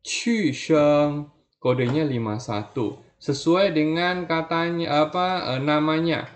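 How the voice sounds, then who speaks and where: Slow, patient male Mandarin tutor. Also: a little high. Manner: slow, patient, demonstrates tones by singing and drawing out vowels; addresses learners as younger ones, adds frequent "ya". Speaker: Mandarin teacher. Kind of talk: online language lesson.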